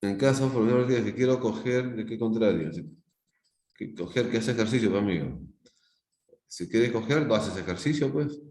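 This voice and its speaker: A middle-aged Peruvian man with a Peruvian Spanish accent teaches a psychology class in a live online lecture, using everyday examples and often checking that students follow. His voice is fairly low and darkish, at a moderate pace, in an echoey room.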